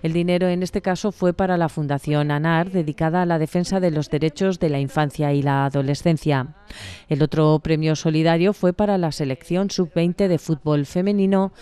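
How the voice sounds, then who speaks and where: A woman narrating a scripted news report in a measured, even way. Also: low-pitched, clear, resonant tone.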